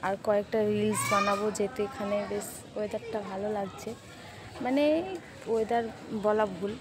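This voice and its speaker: A woman vlogging casually at home, talking quietly and gently coaxing her mother. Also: mid-range voice, little pitch movement, moderate pace, background noise. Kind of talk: casual vlog chat. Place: at home with family.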